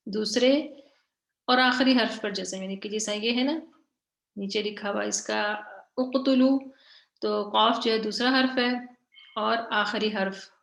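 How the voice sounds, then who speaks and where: A woman teaching Quranic grammar in an online lesson. She explains her slides, often repeats her points and checks in with "theek hai", and reads the example words slowly and drawn out. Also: fairly high pitch, vocal fry, a bit bright, roomy sound.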